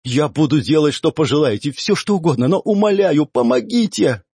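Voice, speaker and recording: A man's voice: on the high side, very animated, normal speed, darkish tone, slightly rough, no echo, studio quality, voice pushed up. A man voicing a desperate young woman who begs for help in an urgent, pleading way, in an audiobook. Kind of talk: audiobook character voice.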